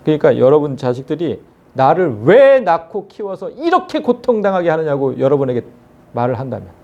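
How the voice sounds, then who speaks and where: Animated male pastor preaching, lo-fi. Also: on the high side, fairly quick. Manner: earnest, animated preaching with rhetorical questions to the congregation. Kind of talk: sermon.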